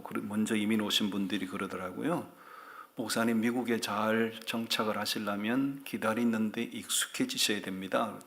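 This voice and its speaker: Man, pastor, sermon, humorous, quizzes congregation, church, medium pitch. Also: creaky, fairly bright tone. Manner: humorous, asks the congregation questions.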